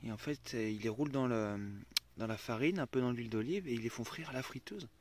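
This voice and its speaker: A man's voice: mid-range voice, fast talker, background noise. A young man casually vlogging outdoors by a river, chatting to viewers and to his dogs, cursing now and then. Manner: chatty, talks to his dogs, swears when annoyed. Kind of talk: casual travel vlog to camera.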